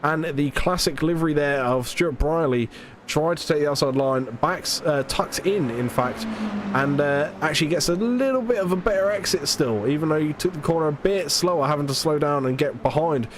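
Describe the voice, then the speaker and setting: Calling a live sim race on his own, a British man speaks with a voice on the high side, somewhat stuffy from hay fever, against background noise. His commentary is quick, chatty, self-deprecating, and sprinkled with fillers.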